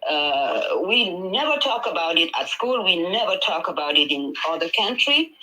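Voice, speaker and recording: A Senegalese woman, a native Wolof speaker and a midwife and healer, talks earnestly on a panel over a video call, rambling with fillers and restarts. Her voice is on the low side, with big pitch swings, normal speed and a bright, forceful tone. The recording quality is low.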